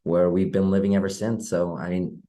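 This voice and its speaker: A man's voice: low-pitched, flat delivery, normal speed, dark tone. A young man in his twenties from Oklahoma, a guest in a casual video-call interview, friendly and easygoing with many fillers. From Oklahoma, USA. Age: young adult. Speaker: guest, politician. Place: bedroom at home.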